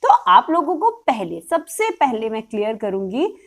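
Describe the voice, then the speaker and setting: A woman's voice: a little high, very animated, a little slow. A woman teaching a phonics lesson for teachers, patiently explaining and spelling words out letter by letter before blending them.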